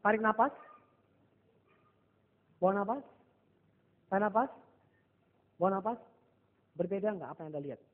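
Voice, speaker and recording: A man giving a motivational seminar to a live audience, telling stories with animated acted-out dialogue and dropping English phrases. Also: high-pitched, normal speed, pauses often. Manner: lively storytelling, mixing English phrases, acting out dialogue. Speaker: motivational NLP trainer. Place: seminar hall. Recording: echoey hall over a thin, phone-like line.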